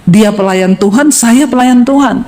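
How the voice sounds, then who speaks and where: A middle-aged woman pastor from Sulawesi preaching a sermon, lively and humorous, teasing the congregation and swinging between high exclamations and low asides. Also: unhurried.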